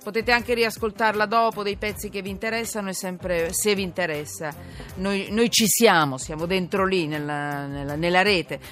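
A woman's voice: medium pitch, steady tone, normal speed, fairly bright tone, soft background music. A woman presenting a live current affairs radio show in an informal, emphatic way, wandering and repeating herself. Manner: informal, emphatic, digressive with repetitions. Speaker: radio host. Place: radio studio. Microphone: studio broadcast microphone.

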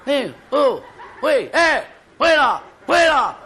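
A man putting on a pair of shipwrecked fellows, bellowing in a squeaky, far-too-high voice. They are giddy with joy and repeat themselves in a rising and falling wail. The telling is a stand-up joke. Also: big pitch swings, rapid-fire, a little hiss or hum, exaggerated voice. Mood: overjoyed shouting. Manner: shrill, shouting, giddy. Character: two overjoyed shipwrecked men shouting across the sea.

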